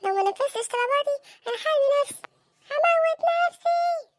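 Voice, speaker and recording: Woman doing a shrill spoiled Egyptian son. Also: animated, brisk, background noise. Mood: demanding. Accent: Egyptian Arabic. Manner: shrill, petulant, threatening tantrums. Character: spoiled, whiny young adult son making demands.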